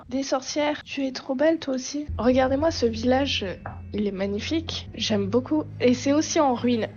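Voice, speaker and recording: A woman's voice: a little high, darkish tone, dull audio, a little hiss or hum. A woman giving chatty, gushing let's-play commentary on a game. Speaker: gamer.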